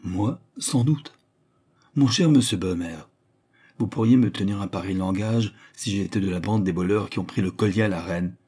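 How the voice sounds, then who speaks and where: A man's voice: fairly low pitch, normal speed, dark tone, breathy edge. A man voicing a haughty, indignant older cardinal-prince with an imperious, lofty manner.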